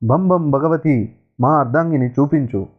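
A man voicing a smug young son-in-law with magic powers, chanting his spells slowly and loudly, on a tinny, phone-like recording. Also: mid-range voice, lively intonation, natural voice. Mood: commanding chant.

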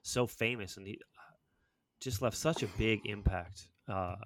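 A man's voice: on the low side, a little slow, slight background noise. A man hosting a casual podcast conversation and asking questions.

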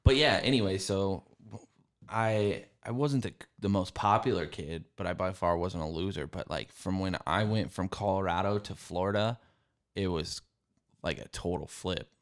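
A man's voice: low-pitched, normal speed. A man hosting a casual podcast chat, joking around crudely with his co-hosts. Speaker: podcast host.

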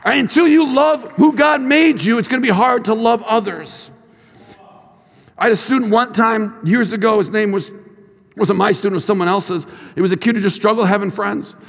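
Earnest high-voiced man preaching in a hall. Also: normal speed, gravelly. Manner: earnest storytelling, acts out quoted voices. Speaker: head of school speaking at chapel. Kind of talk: sermon with storytelling and prayer. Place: large hall at a college chapel. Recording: long hall reverb.

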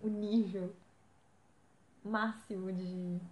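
A woman's voice: medium pitch, flat delivery, extremely slow, darkish tone. A young woman co-hosting a podcast, chatting casually and exclaiming often. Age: young adult. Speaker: podcast co-host. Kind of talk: casual chat. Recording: echoey room, faint background noise.

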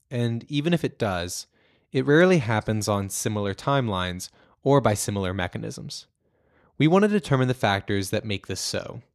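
A young man hosting a student podcast, reading a measured, scripted narration. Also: fairly low pitch, no echo, studio quality. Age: young adult.

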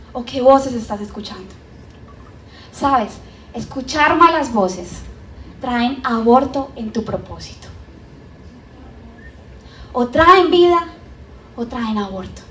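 A woman with a Colombian accent preaching a sermon, animated and acting out the voices of doubters. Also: a little high, slight background noise. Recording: roomy, from a distance.

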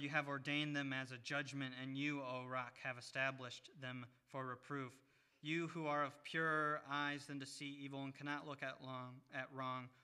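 A man preaching a sermon, reading scripture in a measured way with pauses. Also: medium pitch, sharp tone, smooth.

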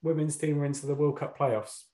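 A man co-hosting a podcast in casual chat, teasing the others and quick with jokes. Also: on the high side, fairly even intonation, warm tone. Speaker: podcast co-host.

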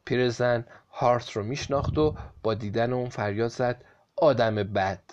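A man reads a folk tale aloud in a calm, steady way. His voice sits at a middling pitch. The recording has a slightly dull, lo-fi quality. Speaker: narrator. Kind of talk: storybook narration.

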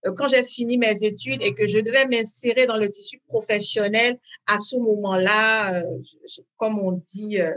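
A woman, talking as an interview guest in a hesitant way, with many fillers and repeats, then bursts of lively emphasis. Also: mid-range voice, moderate pace. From Benin. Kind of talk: conversational interview.

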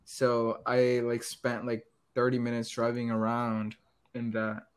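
A man's voice: medium pitch, completely flat delivery, unhurried, smooth. A young man hosting a casual podcast, telling a story with lots of fillers and restarts and frequent laughs. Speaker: podcast host. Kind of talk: casual chat.

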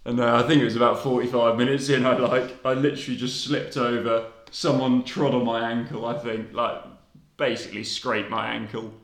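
A man's voice: medium pitch, a little fast. Young man telling stories in a roomy space. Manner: relaxed storytelling, swears casually. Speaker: podcast co-host. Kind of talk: casual chat. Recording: roomy echo.

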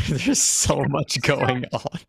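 A man's voice: mid-range voice, very slow, gravelly, fairly bright tone, breathy edge. A young man of about twenty hosting a podcast in casual chat, laughing and often restarting his sentences. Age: around 20. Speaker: podcast host.

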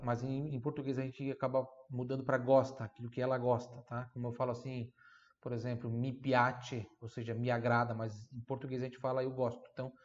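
A man giving an online language lesson as the teacher, explaining patiently and repeating phrases slowly for listeners to practice. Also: medium pitch, fairly bright tone, lo-fi sound. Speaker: Italian teacher.

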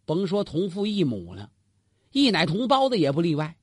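A male storyteller, performing a traditional tale straight to his listener. His voice sits high and a bit husky, swinging widely as he asks and answers his own questions. The recording is close and dry. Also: huge pitch swings, moderate pace, no room sound.

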